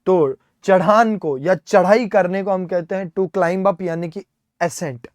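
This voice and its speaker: Slow and high-pitched, a man with an Indian accent spells English vocabulary words letter by letter for exam students, going step by step and repeatedly asking "है ना?". The sound is studio quality with no room sound.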